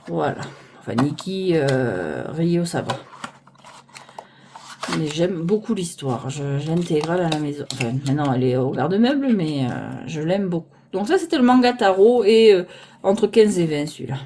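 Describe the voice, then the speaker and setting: She presents tarot decks in a loose, rambling way, thinking aloud as she tries to recall names, with a phone on a holder arm recording her. Her low-pitched voice is expressive at a moderate pace, over a noisy background.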